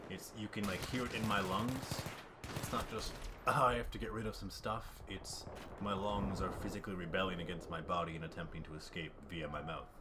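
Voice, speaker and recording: A young man with a deep voice rambles through self-deprecating voice-over commentary on his gameplay, struggling to hold back a cough. Game gunfire and ambience are clearly audible behind him, making the background noisy.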